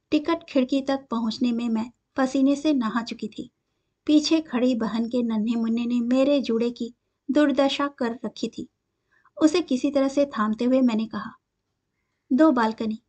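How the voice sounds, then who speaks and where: High-voiced woman reading a story. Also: darkish tone. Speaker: story reader. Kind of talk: scripted narration of a short story.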